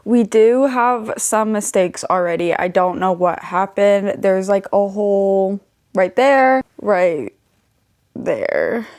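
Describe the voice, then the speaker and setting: A young woman with a soft Southern drawl talks to her camera at home in an easy, rambling way. Her sentences wander, loop back and lean on "like" as she thinks out loud. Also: medium pitch, expressive, takes it slowly. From American South. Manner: rambling, heavy use of "like" fillers. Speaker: vlogger. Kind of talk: casual chatty vlog.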